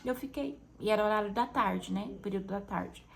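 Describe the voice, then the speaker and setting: Brazilian woman, young mom, chatty and heartfelt, just talking it out to the camera, mid-pitched. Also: brisk, vocal fry, a little hiss or hum, poor audio. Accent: Brazilian Portuguese. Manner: chatty and heartfelt, frequent "né" and "sabe" tags. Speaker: mother sharing a personal testimony. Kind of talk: casual confessional monologue.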